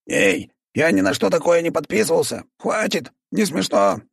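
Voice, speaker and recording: A man's voice: a little high, sing-song, normal speed, gravelly, slightly rough, no room sound, studio quality, pitched above the performer's own voice, exaggerated voice. A man voicing a melodramatic, whiny male chihuahua werewolf who squeals in protest in an audiobook. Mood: panicky. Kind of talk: audiobook character voice.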